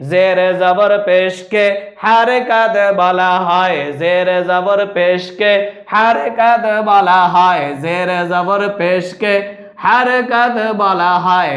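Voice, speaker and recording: A man teaches Quran reading, his voice pitched high for a man. He drills letters and syllables in a slow sing-song chant. The room around him rings with echo.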